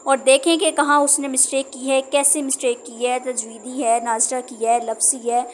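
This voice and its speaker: A woman's voice: high voice, slight background noise. A woman with a sore throat giving a lesson to Quran tutors, explaining steadily and checking in often. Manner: steady explaining tone with frequent "theek hai" check-ins. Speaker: Quran teacher training tutors. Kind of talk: instructional talk.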